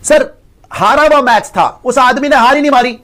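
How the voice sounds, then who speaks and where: A man's voice: very high voice, moderate pace, fairly bright tone. A man giving a blunt cricket reaction, firing rhetorical questions and mixing Hindi and English. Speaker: cricket commentator. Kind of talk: casual cricket reaction chat.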